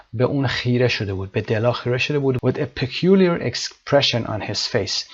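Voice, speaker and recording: Man teaching English. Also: medium pitch. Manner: explanatory, switches between English and Persian. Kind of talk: bilingual language lesson. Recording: slightly dull lo-fi recording.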